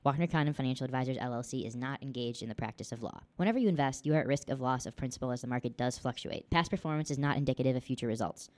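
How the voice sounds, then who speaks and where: Announcer for a rapid-fire scripted legal disclaimer, extremely fast delivery, medium pitch. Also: a little mellow.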